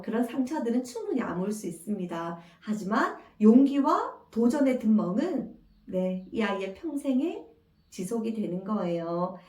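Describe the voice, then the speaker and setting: A woman's voice: fairly high pitch, a little mellow. A middle-aged woman giving a parenting lecture, who acts out parent and child lines in a raised voice. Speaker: parenting educator. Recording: echoey room, mic at a distance.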